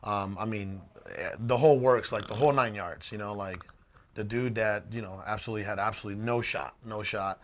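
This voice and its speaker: A man from Mexico, a guest on a podcast, relaxed and joking with many fillers. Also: lowish voice, brisk. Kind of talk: casual interview storytelling. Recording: faint background noise.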